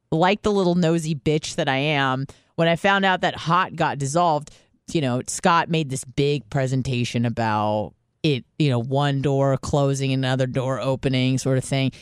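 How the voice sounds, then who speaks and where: A woman's voice: a bass voice, a little slow, smooth, dry recording, studio quality. A woman hosting a podcast in casual chat, rambling and swearing as she gossips about a coworker. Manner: rambling, swearing, gossipy, with mocking put-on voices. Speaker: podcast host.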